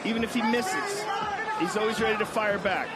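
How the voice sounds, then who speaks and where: Male MMA colour commentator, colloquial and emphatic, high pitch, very noisy arena. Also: very animated, normal speed. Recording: loud arena crowd behind commentators.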